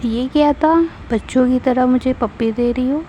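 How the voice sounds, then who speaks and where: A woman's voice: high-pitched, normal speed, mellow, muffled recording, slight background noise, close to an everyday voice. A woman voicing a playful, clingy young woman in love with a whiny, teasing manner.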